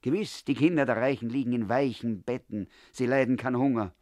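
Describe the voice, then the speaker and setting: A man's voice: mid-range voice, a little fast, a little mellow, dry recording, studio quality. A man reading a first-person story aloud in a confiding tone, as if talking to an old comrade. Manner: confiding, addressing the listener as comrade. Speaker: audiobook narrator. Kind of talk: first-person literary narration.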